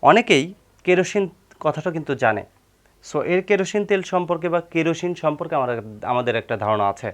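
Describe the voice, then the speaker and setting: A man's voice: on the high side, expressive, fast talker, fairly bright tone. A man explaining vocabulary as a teacher, repeating words and leaning on the filler "হচ্ছে". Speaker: English teacher.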